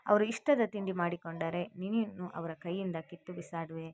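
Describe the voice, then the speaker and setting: A woman's voice: fairly low pitch, normal speed, darkish tone, lightly acted. Woman doing a stern elderly mother. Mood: scolding. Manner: scolding.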